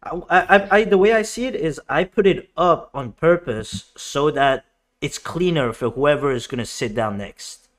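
A man's voice: on the high side, a little slow. A young man in casual group chat, rambling on with many fillers.

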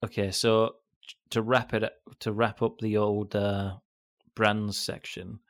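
A man's voice: fairly low pitch, level tone, slow, no room sound, clean studio sound. A man hosting a podcast, chatting in a laid-back way and swearing casually. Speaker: podcast host. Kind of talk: casual chat.

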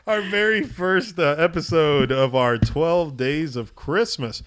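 A man's voice: fairly high pitch, slow pace, fairly bright tone, clear, resonant tone. A man hosting a casual podcast in an absent-minded, rambling way, losing his thread as he goes. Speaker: podcast host. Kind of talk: casual unscripted podcast chat.

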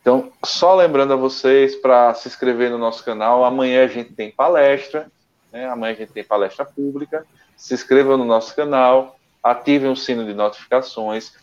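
A man co-hosting an online talk from home, telling a story in a relaxed, rambling way with many restarts. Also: medium pitch, normal speed. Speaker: co-host of an online study show. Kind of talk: casual storytelling and sign-off. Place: his home. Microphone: internet call. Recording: dull, lo-fi internet call audio.

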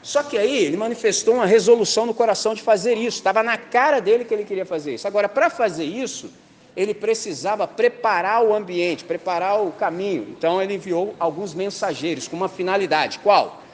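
A man with a Brazilian accent preaching a sermon in a lively, slangy way, full of rhetorical questions. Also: high-pitched, a little fast, big-room sound, slight background noise. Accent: Brazilian Portuguese.

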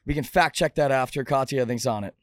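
A man hosting a casual podcast chat in a restaurant, animated and getting loud and high when excited. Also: fast talker, dry recording, clean studio sound. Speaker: podcast host.

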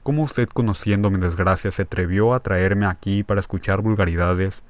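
An embittered country doctor lashes out with scorn, stressing every word, in a storybook reading, as a male narrator voices him. The voice is low and the recording dry. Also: steady tone, moderate pace, dry recording, natural voice. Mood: bitter anger. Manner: harsh, emphatic, scornful. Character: bitter, grieving country doctor, angry and scornful.

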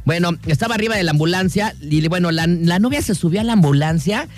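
A man's voice: sits high, lively intonation, fast talker. A man with a Mexican accent hosting a radio show, chatting casually and jokingly, with plenty of slang and fillers. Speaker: radio host.

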